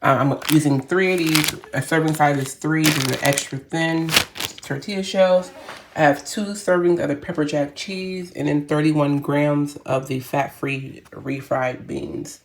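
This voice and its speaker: A woman's voice: sits low, steady tone, a little slow. Woman vlogger chatting at home, super casual and talky, explaining stuff to her viewers. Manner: chatty, loose and informal, talks straight to viewers. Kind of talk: casual how-to vlog chat. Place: home kitchen.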